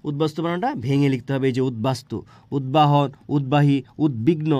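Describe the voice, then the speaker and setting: A man's voice: medium pitch, fast talker, dark tone, no room sound. A man teaching a spelling lesson for exam preparation, asking his students questions and answering them himself.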